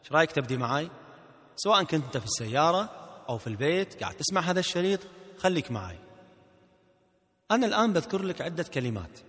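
A man's voice: a little high, sing-song, racing, pauses often, fairly bright tone. Playful coaxing Gulf Arabic man. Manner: playful, coaxing, repeats phrases for the listener to echo. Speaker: marriage coach. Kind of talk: recorded self-help audio lesson.

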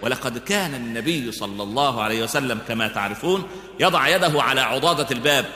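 A man gives a brisk religious lesson, his bright, forceful voice moving quickly through stories. He leans on fillers and restarts as he talks. The echoey hall with its long reverb is heard around him. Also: medium pitch. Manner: lively storyteller with frequent fillers and restarts. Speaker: preacher.

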